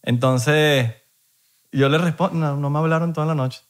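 A man's voice: on the high side, moderate pace. Blunt slangy Venezuelan young man. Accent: Venezuelan Spanish. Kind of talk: casual chat.

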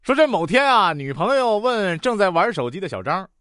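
A man with a Northeastern Mandarin accent tells comic jokes in an animated way, jumping between character voices. His voice sits high and moves fairly quickly with a clean tone, recorded in clean studio sound with no echo.

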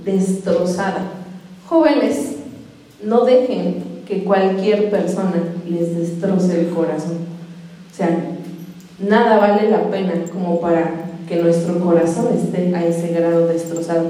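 A woman preaching a sermon, retelling conversations in animated, lively voices. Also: mid-range voice. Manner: animated storytelling, voicing both sides of conversations. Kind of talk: sermon with retold dialogue. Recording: echoey hall, voice from far off.

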